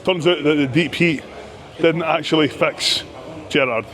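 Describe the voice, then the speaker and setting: A man's voice: on the high side, measured pace, background noise. A man hosting a casual gym vlog as a coach, with matey gym bro talk and some swearing. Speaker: host and training coach.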